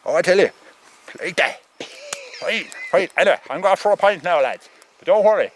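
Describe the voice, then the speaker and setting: A man's voice: sits high, animated, a little fast, slight background noise. A man with a thick rural Irish accent giving a rambling comic monologue as an opinionated farmer, stammering, repeating himself and swearing.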